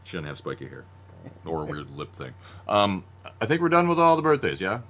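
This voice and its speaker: A man with a low voice hosts a loose, joking podcast chat. He rambles from one aside to the next and laughs easily, with a faint hiss under the recording. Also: huge pitch swings, fairly quick, fairly bright tone. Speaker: podcast host. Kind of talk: casual chat.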